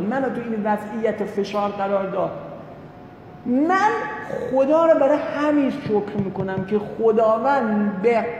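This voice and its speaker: A man preaching a sermon, telling a religious story in an animated way and voicing the people in it. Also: very high-pitched. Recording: echoey hall with long reverb, faint noise.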